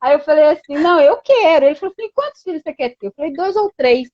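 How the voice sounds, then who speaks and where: Woman guest, high voice, chatty storyteller, dull dry lo-fi sound. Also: animated, quick pace, dry recording. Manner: storytelling with many quoted exchanges and frequent "né". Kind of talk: casual chat.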